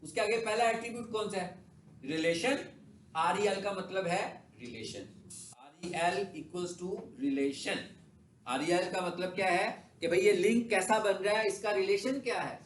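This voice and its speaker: High-voiced male teacher. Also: unhurried, slight background noise. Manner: asks the class questions and answers them himself. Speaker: digital marketing instructor. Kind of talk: classroom lecture with screen demo.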